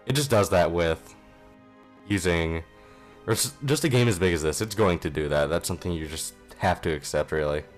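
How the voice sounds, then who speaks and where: A young man hosting a gaming channel gives casual, rambling let's play commentary from home, offhand and self-deprecating. He has a low voice and moderate pace, recorded on a modest mic with soft music behind him.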